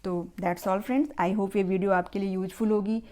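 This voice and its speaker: Woman, phonics teacher, patient, slow, mellow. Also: mid-range voice, fairly even intonation. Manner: slow, patient, repeating words for learners. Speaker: phonics teacher and channel host. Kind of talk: explaining pronunciation rules to children's parents.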